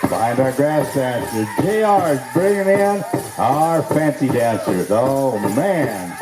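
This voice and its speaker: A man's voice: a little high, big pitch swings, a little slow. A man working as a powwow emcee, announcing dancers into the arena with folksy, celebratory introductions. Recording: echoey arena sound with music behind.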